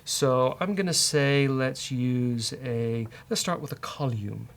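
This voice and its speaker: A British man with a slow, creaky, mid-range voice hosts a coding show, doing a casual live walkthrough and thinking aloud with jokes. Keyboard clatter and mouse clicks run throughout the recording.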